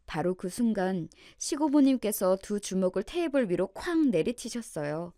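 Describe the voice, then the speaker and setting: A woman narrating a family drama story in the first person, steady and dramatic. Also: mid-range voice, no room sound, studio quality.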